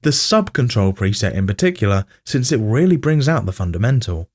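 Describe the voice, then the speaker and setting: Here the music production tutorial host sounds fairly low and darkish, with a sing-song delivery at a fairly quick clip. He addresses the viewer directly in informal, scripted narration that explains each step.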